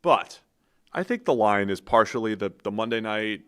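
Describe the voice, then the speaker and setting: A man co-hosting a casual football podcast, trading quick banter and introducing the games. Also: lowish voice, animated, fairly bright tone, smooth. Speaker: podcast co-host, football analyst. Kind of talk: casual sports podcast chat.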